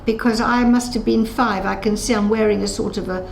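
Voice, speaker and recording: This is a brisk, medium-pitched woman's voice with fairly even intonation. The speaker, an Englishwoman in her eighties who survived the Holocaust, reminisces unscripted in an interview, correcting herself and acting out dialogue along the way. Background noise is clear and the room echoes.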